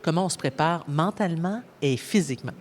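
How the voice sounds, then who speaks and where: A woman, a community TV reporter asking clear, conversational questions. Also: low voice, animated, a little fast, a crowd in the background. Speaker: TV reporter and host. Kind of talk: community TV interview.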